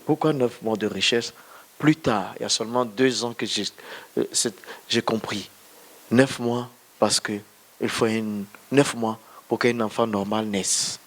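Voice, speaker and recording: Preaching a testimony sermon in church, this pastor tells his story and speaks straight to the people listening. French is not his first language. His male voice is on the low side and moves a little slowly.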